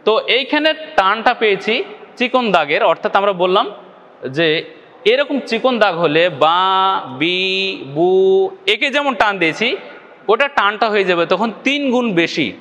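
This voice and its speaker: A man's voice: sits high, animated, normal speed, pauses often, sharp tone, big-room sound. A man with a Bangladeshi Bengali accent teaching Quran recitation in a video lesson, patiently repeating each point and checking that viewers follow.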